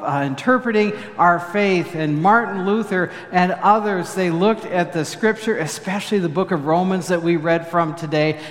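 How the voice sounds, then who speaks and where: A man's voice: high voice, a bit bright. A man preaching as pastor, chatty and humorous, leading the congregation in spoken responses. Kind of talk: sermon. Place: church sanctuary. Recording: echoey church hall.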